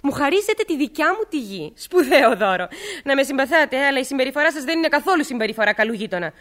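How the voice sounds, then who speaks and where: A proud, stubborn young lady defending her family's land with indignation and biting sarcasm, as a woman acts her. Her high voice swings widely, in the manner of a stage comedy. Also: very animated, fairly bright tone. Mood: sarcastic. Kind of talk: stage play acting.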